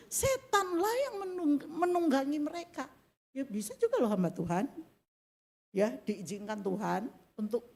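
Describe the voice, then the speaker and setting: High-voiced chatty woman preacher. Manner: chatty, animated, laughing asides, talks directly to the women. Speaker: pastor. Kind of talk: sermon.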